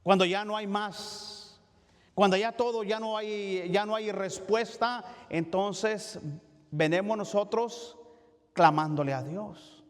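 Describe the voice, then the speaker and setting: A male pastor giving a Bible study sermon. He talks in a halting way, with many fillers and restarts, and keeps asking "¿verdad?". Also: high-pitched. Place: church sanctuary. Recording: long church reverb.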